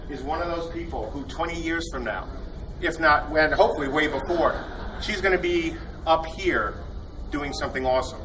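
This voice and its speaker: At a convention, a man emceeing a panel works through the team introductions in a jokey, enthusiastic, rambling way full of fillers. His voice is a little high and sounds off-mic from some distance, and the hall's steady noise runs underneath.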